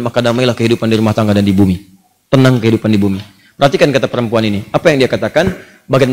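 A man preaching a storytelling sermon in a lively, playful way, often putting questions to the audience. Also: medium pitch.

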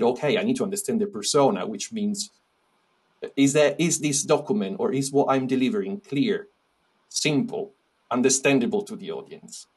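Italian guy chatting on a podcast, lots of ums and restarts, mid-pitched voice. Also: husky. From Italy. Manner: halting, with many restarts and fillers. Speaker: podcast guest. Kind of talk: casual interview chat.

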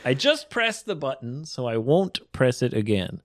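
A man's voice: medium pitch, big pitch swings, no room sound, studio quality. A man co-hosting a casual podcast, joking and teasing his partner. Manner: teasing, joking, slow and drawn out. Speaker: podcast co-host, English speaker. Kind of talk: casual bilingual chat.

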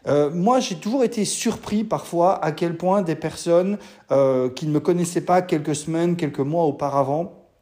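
A man hosts his business podcast solo, in a relaxed, casual way. He often stops to restart his sentences and fills the gaps with hesitations. His voice sits a little high yet sounds warm and mellow. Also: normal speed. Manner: casual, many fillers and restarts. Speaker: podcast host.

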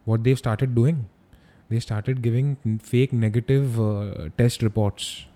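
A man's voice: medium pitch, fairly even intonation, a little slow, mellow. A young man with an Indian accent chatting casually, using slang and often repeating phrases for emphasis. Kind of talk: casual chat.

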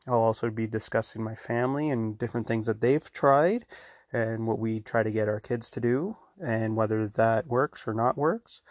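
A man in his forties with a monotone voice, talking casually and flatly as a solo podcast host, rambling a little. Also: on the low side, no echo, studio quality. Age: 40s. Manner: flat, unemotional, rambling delivery.

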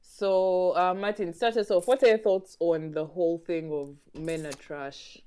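A woman's voice: fairly low pitch, fairly even intonation, a little slow, warm tone, clear, resonant tone. Chatty young woman hosting a podcast. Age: young adult. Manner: chatty, laughs often, prompting questions. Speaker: podcast host. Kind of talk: casual conversation.

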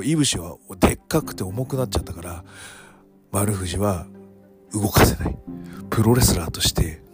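A man hosting a solo podcast, talking in a casual, dramatic way that swings from loud alarm to hushed whispers. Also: lowish voice. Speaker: podcast host reviewing wrestling shows. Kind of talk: casual monologue.

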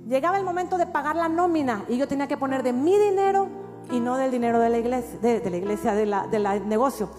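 A middle-aged woman pastor with a Mexican accent, telling a testimony in a sermon with animated storytelling that rises at times to shouts. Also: high voice, fast talker. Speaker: pastor and prophet. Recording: reverberant hall with faint music.

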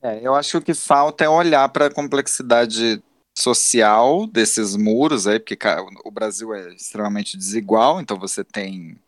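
A lowish male voice at a moderate pace, captured cleanly in a studio with no echo. The speaker, in his thirties and carrying a Brazilian Portuguese accent, co-hosts an easygoing podcast, reflecting on himself critically and frequently restarting what he says.

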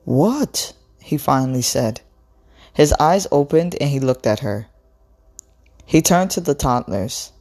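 A woman reading a novel aloud in a slow, expressive storytelling way. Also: extremely low pitch. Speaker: book reader.

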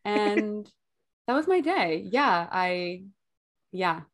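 A young woman podcast co-host, hungover and talking at a middle pitch. She tells stories casually and candidly, poking fun at herself and swearing freely. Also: very animated, extremely slow. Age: young adult. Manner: candid, self-mocking storyteller.

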